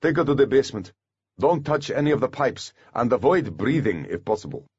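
A fussy, sweating male warden, voiced by a man, raised and anxious as he gives orders. The voice stays husky, and the recording is dry and a little muffled. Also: mid-range voice, big pitch swings, fairly quick, a little mellow, dry recording, pitched above the performer's own voice.

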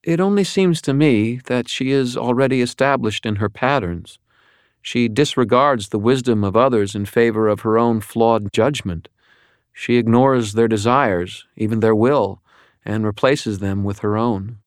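A stern, ancient female fallen angel, as a male narrator puts her on, speaking in formal, measured sentences full of disdain. She sits clearly higher than a deep male voice would, with a cold, deliberate delivery in a storybook reading. The sound is close and dry, with no room around it. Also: no room sound, close to an everyday voice. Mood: disdainful.

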